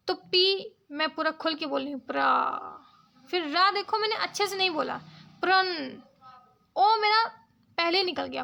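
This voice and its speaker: Woman tutor, very high, gravelly voice; patient step-by-step lecture delivery. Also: sharp tone. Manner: explains step by step, checks in with "ठीक है?". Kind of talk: Hindi-English exam lecture.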